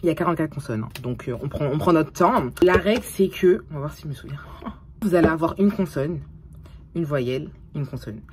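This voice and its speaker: Low-voiced tired young woman vlogging. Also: lively intonation, fairly quick, darkish tone, a little hiss or hum. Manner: chatty, swears often, mixes English phrases into her French. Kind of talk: casual vlog chat.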